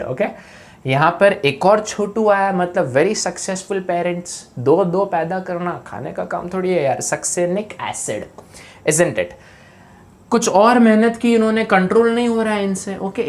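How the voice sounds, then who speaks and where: A man giving a live online chemistry lecture. He keeps asking students questions and makes up joking memory tricks. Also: high-pitched. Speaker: chemistry teacher. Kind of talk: live online lecture mixing Hindi and English.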